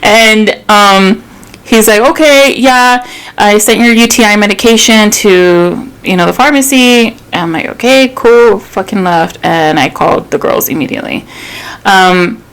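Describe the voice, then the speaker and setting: A woman's voice: mid-range voice, measured pace, fairly bright tone, clean tone, rough recording. A woman in her thirties co-hosting a podcast, telling a personal story in casual chat, candid and swearing freely. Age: 30s. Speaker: podcast co-host.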